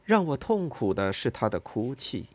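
An audiobook narrator reading a first-person story in a measured way. The pitch moves in a lively, animated line, and the voice sounds close and dry, with no room behind it. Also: no room sound.

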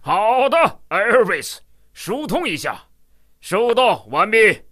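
A man voicing a brisk, officious fire station chief in a children's cartoon, formal and commanding. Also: high voice, sing-song, background noise. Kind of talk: animated children's cartoon dub.

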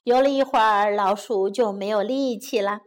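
A woman narrating a bilingual children's story and teaching simple English sentences. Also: medium pitch. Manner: slow, clear, expressive.

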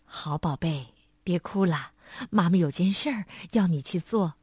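A woman voicing a gentle, caring mother monkey in a storybook, soft and soothing. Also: unhurried, breathy edge, no room sound, studio quality. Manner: soft, low and soothing, partly hushed.

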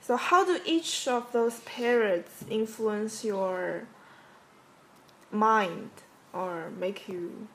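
A woman's voice: medium pitch, very slow, a little hiss or hum, low-quality recording. A woman with a Chinese accent hosting a casual, conversational interview. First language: Mandarin Chinese.

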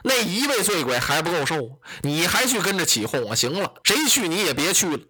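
A sober, prudent lord who scolds in measured, steady words, as a storyteller puts him on. The voice sits lower than the narration and has a husky edge. It sounds like a tale told aloud to listeners. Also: male voice, full character voice. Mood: admonishing.

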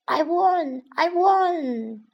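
Lady doing a proud little turtle for a kids story, slow careful english, lively pitch. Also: highs cut off, full character voice. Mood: excited. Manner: bilingual lines, English then Chinese.

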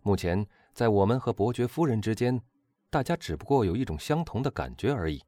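A man voicing a composed young gentleman in an audiobook, speaking calmly and evenly. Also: lowish voice, no room sound, voice pushed up, natural voice. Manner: calm, measured.

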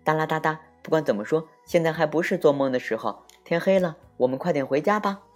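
Figure: a cheerful little friend in a children's storybook voiced by a man. Pitch: raised high. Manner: bouncy, sing-song, reassuring. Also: expressive, normal speed, soft background music, lightly acted. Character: cheerful lively boy friend who comforts others.

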